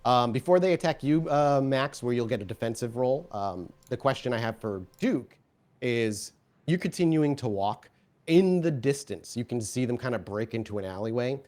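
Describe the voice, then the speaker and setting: Running a tabletop roleplaying game as storyteller, a man with an average-pitched voice alternates between vivid, descriptive narration and conversational explanations of the rules. He's expressive, speaks at a normal speed, and his tone is darkish.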